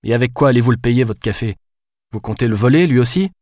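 A man's voice: medium pitch, fast, a little mellow, dry recording, studio quality, voice pushed up, close to an everyday voice. A man voicing a sarcastic young Frenchwoman on the run in an audiobook, firing off biting retorts. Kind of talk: audiobook character voice.

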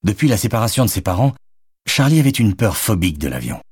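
A man reading a novel aloud as an audiobook narrator, in expressive, measured storytelling. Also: lowish voice, husky, dry recording, clean studio sound.

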